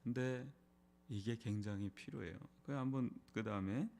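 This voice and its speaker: A man's voice: medium pitch, normal speed, gravelly, a little mellow. A middle-aged man, a pastor, preaching an early morning sermon in a church in a conversational way, with frequent rhetorical questions. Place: church sanctuary.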